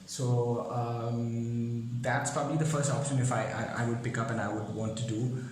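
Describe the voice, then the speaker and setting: A man's voice: medium pitch, flat delivery, moderate pace, a little mellow. Rambling man in an echoey room. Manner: rambling, many fillers and restarts. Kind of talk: casual video answer. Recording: very echoey room, faint ambience.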